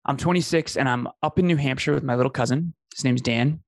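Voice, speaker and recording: Earnest man with a gravelly voice. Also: mid-range voice, fast talker, dry recording, clean studio sound. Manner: earnest, emphatic, repeats phrases for effect. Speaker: podcast host telling his story as a guest. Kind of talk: conversational storytelling.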